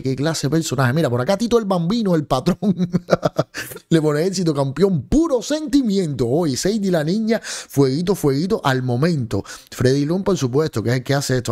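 A man's voice: fairly high pitch, a little mellow. A young Cuban man with a Cuban accent, mocking and scolding as he streams commentary from a home room into a large studio microphone. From Cuba. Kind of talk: livestream commentary. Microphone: large studio mic on a boom in front of face.

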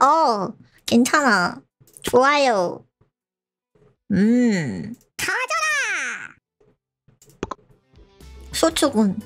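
A woman with a high, very lively voice streams a game in playful casual chat. She takes her time between phrases, and faint music plays behind her. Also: unhurried, pauses often. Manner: playful, giggly.

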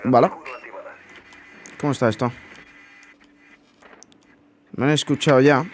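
A faint hiss or hum sits under this recording of a man with a mid-range voice, talking slowly and steadily. He's a gaming YouTuber offering casual, incredulous remarks on his own gameplay, with quiet asides to himself.

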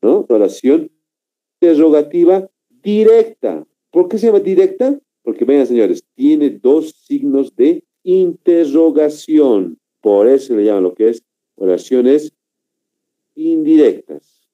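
A male teacher gives a slow classroom lecture, stretching out his phrases and checking in with his listeners again and again. His voice is very dark and mellow, with a lively rise and fall in pitch. The recording sounds dull and lo-fi. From Bolivia. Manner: slow, repetitive, keeps asking "¿no?" and addressing "señores".

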